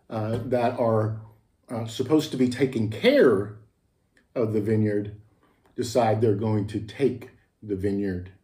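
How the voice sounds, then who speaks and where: A man's voice: lowish voice, mellow, reverberant. A man pastor giving a chatty, storytelling sermon that is full of restarts. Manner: chatty and anecdotal, with many restarts. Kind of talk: conversational sermon.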